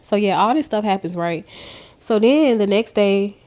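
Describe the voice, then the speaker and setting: Talking straight to the camera, a faith vlogger recounts her personal testimony in a chatty, storytelling way. She has an expressive, mid-range voice with a darkish tone and keeps a moderate pace.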